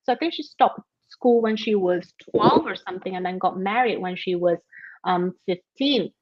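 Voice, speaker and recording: A woman's voice: mid-range voice, lively intonation, normal speed, slight background noise. Woman from Malaysia, lo-fi video call. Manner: warm storytelling with many fillers. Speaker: guest author. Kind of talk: conversational interview.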